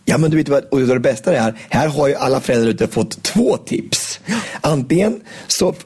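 A man's voice: mid-range voice, lively intonation, a little mellow, slightly rough. A man in casual conversation, enthusiastic and teasing. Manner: enthusiastic, teasing, quick to praise. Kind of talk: casual chat.

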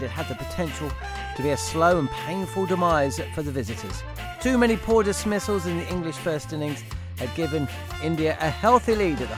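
A man reading a scripted narration for a cricket highlights recap. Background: music bed.

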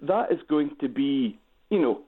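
A man's voice: on the high side, lively intonation, unhurried, breathy edge. Scottish guy w doric accent calling into a radio show, telling his story, tinny phone sound. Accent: Doric, north-east Scottish. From Aberdeenshire, Scotland. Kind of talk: recounting a personal experience.

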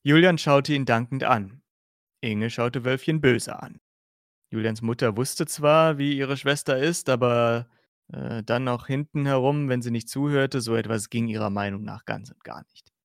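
A man reading novel narration on a podcast in a steady, plain manner, now and then tripping over a word. His voice sits mid-range and the sound is close and dry. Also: medium pitch, a little slow, vocal fry, no echo. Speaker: podcast host.

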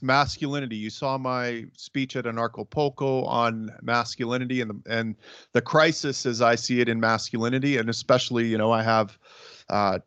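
A man's voice: medium pitch, a bit bright, clean tone, dry recording, dull audio. A middle-aged man hosting a casual interview podcast, rambling with many fillers and restarts. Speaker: podcast host.

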